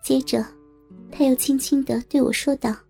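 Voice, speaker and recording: High, creaky woman storyteller. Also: steady tone, normal speed, mellow, soft background music. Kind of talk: first-person story narration.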